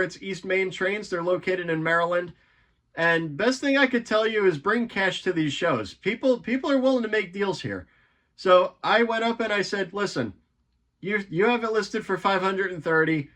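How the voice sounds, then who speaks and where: Casual young man, high voice, enthusiastic collector chatting through his haul. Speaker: model train vlogger. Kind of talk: casual show-and-tell vlog.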